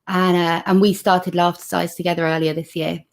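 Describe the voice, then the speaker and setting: A woman's voice: on the low side, little pitch movement, brisk. A woman leading laughter exercises on a video call, bubbly and encouraging, often breaking into laughter as she explains. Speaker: laughter yoga leader. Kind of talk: casual video call chat.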